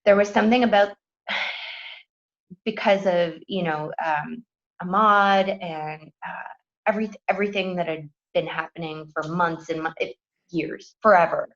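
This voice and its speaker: A woman speaking as an interview guest, halting, with many fillers and sighs. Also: lowish voice. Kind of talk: emotional interview conversation. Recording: dull lo-fi remote audio.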